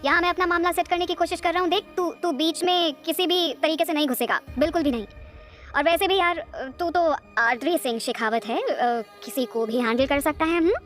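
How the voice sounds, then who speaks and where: A woman's voice: very high voice, fairly quick, a bit bright, soft background music. A woman voicing a playful young man who teases his friend. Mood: teasing. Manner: teasing, joking.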